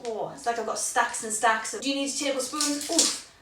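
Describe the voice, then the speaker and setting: A woman's voice: fairly high pitch, fairly even intonation, fairly quick, very noisy. A young Welsh woman hosting a casual cooking video from her home kitchen, chatty and playful as she teaches Welsh words. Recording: roomy kitchen, mic at a distance.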